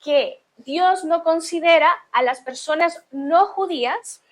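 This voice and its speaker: A woman from Honduras preaching a sermon, speaking in short phrases and pausing for an interpreter. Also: very high-pitched. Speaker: guest preacher. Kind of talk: bilingual sermon with live interpreter.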